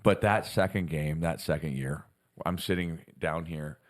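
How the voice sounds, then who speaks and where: Deep-voiced man telling a lively story. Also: unhurried. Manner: animated storyteller, laughs through stories. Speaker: podcast co-host. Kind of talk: casual chat.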